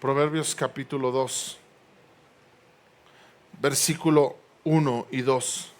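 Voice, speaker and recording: A man's voice: medium pitch, fairly even intonation, takes it slowly. A male pastor preaching a sermon in a church. He builds to emphatic peaks, prompts the congregation to respond, and makes playful asides. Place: church sanctuary.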